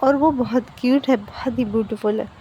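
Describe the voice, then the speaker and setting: A woman voicing a gentle older brother who speaks softly. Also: a little high, fairly quick, highs cut off, a little hiss or hum, lightly acted. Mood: happy.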